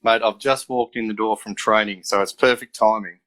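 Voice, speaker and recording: A fifties-aged athletics coach from country New South Wales, Australia, tells stories over a video call in a relaxed, rambling way, full of "uh" fillers, for a casual remote interview. His Australian-accented voice is on the low side at a moderate pace, with no room sound.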